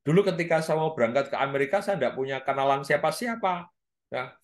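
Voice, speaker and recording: A man, a priest, giving an informal sermon at a prayer meeting, talking in a relaxed, chatty way with fillers and the odd laugh. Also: on the high side, fairly quick.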